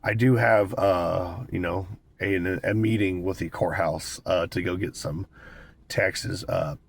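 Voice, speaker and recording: An American man in his twenties with a cold and a raspy smoker's voice, chatting casually and candidly to viewers with plenty of swearing. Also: deep voice, fairly even intonation, a little slow. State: hoarse with a cold, smoker's rasp. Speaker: vlogger. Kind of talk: casual rambling talk to viewers.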